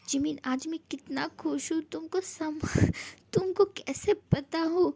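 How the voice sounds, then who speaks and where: A woman's voice: very high-pitched, takes it slowly, creaky, dark tone, no room sound, full character voice. A woman voicing a young husband in a fan audio drama, tender and pleading one moment, teasing and mock-threatening the next. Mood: overjoyed, tender.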